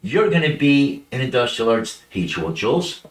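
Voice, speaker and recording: A man's voice: medium pitch, moderate pace, far from the mic. Emotional middle-aged man telling his story, echoey. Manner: animated, acts out quoted voices, gets emotional. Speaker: political candidate and middle school teacher.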